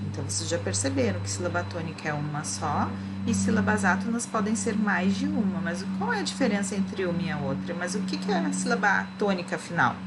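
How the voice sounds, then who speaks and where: A woman's voice: medium pitch, heavy background noise. A woman, a primary school teacher, gives a remote lesson to children, explaining patiently and often checking that they follow.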